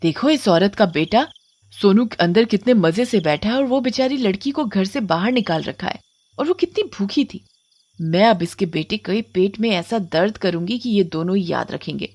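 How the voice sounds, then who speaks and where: Cartoon storybook: a caring witch with a vengeful streak, voiced by a woman, calm and firm. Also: mid-range voice, normal speed. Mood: stern. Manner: soothing, then stern. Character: kind-hearted female witch, protective and vengeful.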